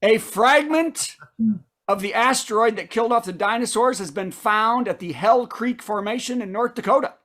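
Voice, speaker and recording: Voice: mid-range voice, normal speed, fairly bright tone. A comedy host delivering a punchy late-night style monologue, setting up news items and punchlines with asides to the audience.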